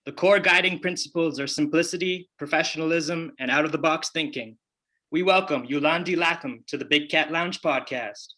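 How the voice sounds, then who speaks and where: This podcast host is a man with a fairly high, pushed and bright voice who speaks at a moderate pace. He runs a casual interview show in a friendly way, stumbling a little as he asks questions, with many fillers and restarts.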